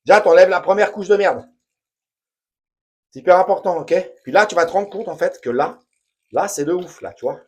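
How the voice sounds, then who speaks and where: Slangy, chatty man, high voice. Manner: blunt, slangy, chatty, addresses viewer directly. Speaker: DIY home repair vlogger. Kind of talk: casual hands-on demonstration. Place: home bathroom.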